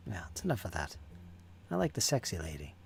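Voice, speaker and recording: Gravelly, lively-voiced man chatting. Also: low-pitched, brisk, slight background noise. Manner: muses aloud over pronunciation, chatty and joking. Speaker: channel host painting miniatures. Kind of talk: casual chat while painting.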